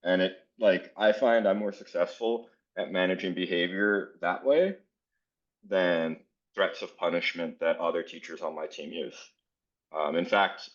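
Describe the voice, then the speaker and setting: Leading an educator workshop at a conference, a low-voiced man from South Florida talks casually and earnestly, dropping in many "um" fillers. The sound is lo-fi.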